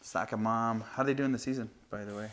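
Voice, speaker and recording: Chatty grandfather tattoo artist, lowish voice. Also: fairly even intonation, fairly quick, fairly bright tone, a little hiss or hum. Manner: chatty, laughing storyteller. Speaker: tattoo artist and podcast host. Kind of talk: casual chat. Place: tattoo studio. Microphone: lapel mic.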